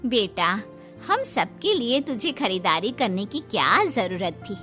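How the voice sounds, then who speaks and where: A woman's voice: medium pitch, very animated, unhurried, pushed and bright, faint music behind. A woman voicing an indulgent older mother-in-law who speaks in a motherly, coaxing way in a cartoon story.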